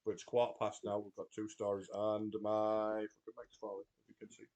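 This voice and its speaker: A man's voice: lowish voice, monotone, a little fast, a little mellow, lo-fi sound. A British man hosting a casual podcast, talking in a loose, rambling way with cheerful swearing. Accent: British English. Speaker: podcast host reading stories. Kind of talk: casual chat.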